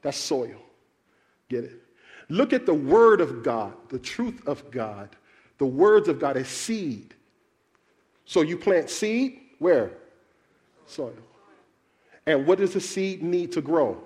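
A man with a slightly high voice preaches a sermon slowly, leaving long pauses. He's animated, calling out questions to his congregation and asking them to answer.

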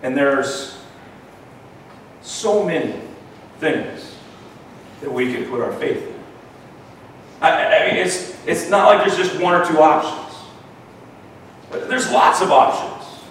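A man preaches conversationally in a weak, thin, rather high voice. He often doubles back on his words and tags points with a questioning "right?". The recording is very echoey, picked up from well away from the mic. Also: animated, takes it slowly, pauses often, a bit bright. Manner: repeats words and seeks agreement with "right?". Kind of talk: conversational sermon. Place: large echoey room, worship gathering. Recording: echoey room, distant mic, faint noise.

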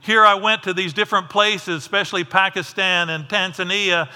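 A man's voice: high-pitched, steady tone, normal speed, sharp tone, clear, resonant tone, in a large hall. A man preaching a conversational sermon, often asking his congregation questions. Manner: conversational, asks the audience questions. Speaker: pastor.

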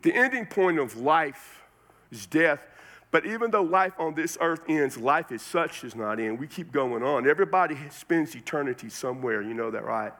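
A pastor from Texas with a Texan accent, preaching a sermon in a folksy, conversational way with plenty of colloquial phrasing. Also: male voice, a little high, animated, normal speed, fairly bright tone.

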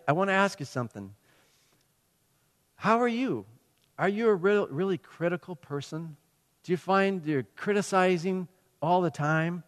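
Middle-aged male pastor, sermon, chatty storyteller, hall reverb. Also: fairly high pitch. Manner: conversational storytelling with quoted asides.

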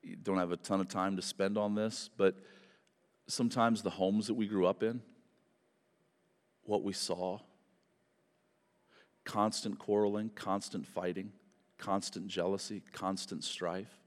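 A man's voice: deep voice, steady tone, measured pace, long pauses. A man preaching a sermon at a pulpit microphone, emphatic, with repeated phrases and rhetorical questions. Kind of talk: sermon to a congregation. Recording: reverberant hall.

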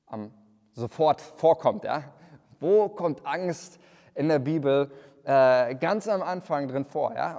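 A man's voice: a little high, darkish tone, in a large hall. A man preaching a livestreamed sermon, earnest, often repeating words and restarting his sentences. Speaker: pastor.

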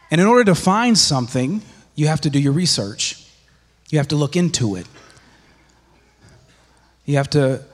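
Joking pastor in a reverberant church. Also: male voice, fairly high pitch. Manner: humorous, conversational preaching. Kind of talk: Christmas Eve sermon. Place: church sanctuary.

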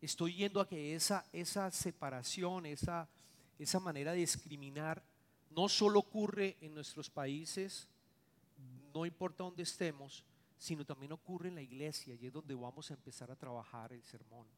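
A middle-aged male pastor preaching with earnest, confessional conviction, his voice sitting a little high for a man. He leans hard on key words, then drops to near-murmured asides. The sound carries a long, lingering reverb from a church hall. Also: moderate pace. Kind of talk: sermon.

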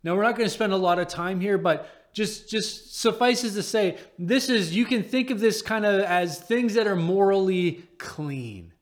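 Casting: male pastor, thirties, higher voice, relaxed conversational preaching with restarts. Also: normal speed, few pauses. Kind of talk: sermon.

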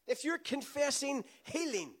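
Male pastor, very high voice, emphatic call-and-response preaching. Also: sing-song, measured pace. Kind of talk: sermon.

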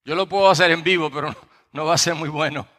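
A pastor delivering a sermon, telling a personal story with frequent tag questions before reading scripture. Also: male voice, fairly high pitch, fast talker, heavy background noise. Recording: long reverb of a large hall.

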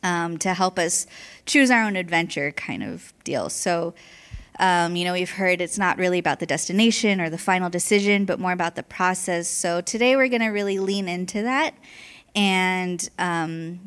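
A woman's voice: lowish voice, a bit bright, clear, resonant tone. A young adult woman speaking in a casual, conversational sermon style, slightly out of breath, often checking in with an informal "right?". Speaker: church speaker.

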